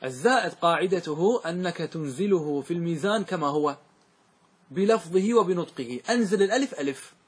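Guy teaching grammar, kinda high husky voice, keeps quizzing the class. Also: expressive, brisk. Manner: questioning, drills students in call and answer. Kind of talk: classroom lesson with questions to students.

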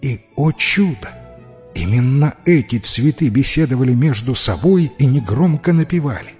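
Expressive male fairy-tale narrator. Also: mid-range voice, normal speed, faint music behind. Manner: expressive storytelling.

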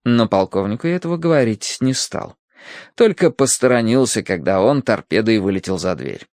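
A man narrating an audiobook in a lively, expressive way. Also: lowish voice, moderate pace, dry recording, studio quality. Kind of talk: scripted narration.

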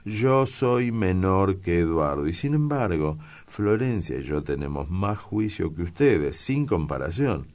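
A man's voice: sits low, big pitch swings, a little slow, hardly any pauses, a little mellow, pitched above the performer's own voice, exaggerated voice. Daniel, a teasing young wit, read by a man. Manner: bantering, mischievous. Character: witty young man, playful teaser.

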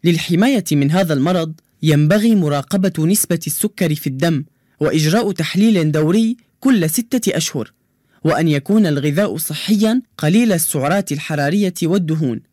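A man playing a cheerful high-voiced joker. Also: brisk, darkish tone, no room sound, studio quality, natural voice. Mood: informative. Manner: cheerful, playful storyteller. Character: cheerful joke-telling young male quiz contestant. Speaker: radio show character who answers quizzes and tells jokes. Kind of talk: children's radio drama.

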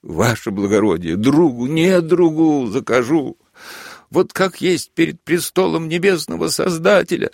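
A man's voice: a little high, expressive, measured pace, vocal fry, a little mellow, no echo, studio quality, pitched above the performer's own voice, exaggerated voice. Man reading as a pleading frightened convict. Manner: servile, imploring.

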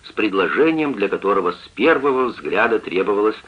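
A man with a low, husky voice narrates a classic novel in a dramatic reading whose pitch swings widely. The old radio recording sounds dull and lo-fi. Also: very animated, brisk. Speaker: audiobook narrator.

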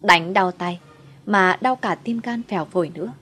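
A woman's voice: lowish voice, normal speed, fairly bright tone, husky. A woman narrating a first-person family drama story, telling it through the husband's eyes.

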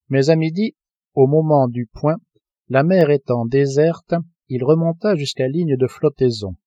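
A man reading a classic novel aloud as an audiobook narrator, in a steady, even voice. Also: medium pitch, no room sound, lo-fi sound. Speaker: audiobook reader. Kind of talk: scripted narration.

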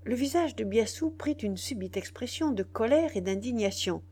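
A woman narrating a classic novel as an audiobook with an expressive, varied delivery. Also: on the high side, normal speed, breathy edge.

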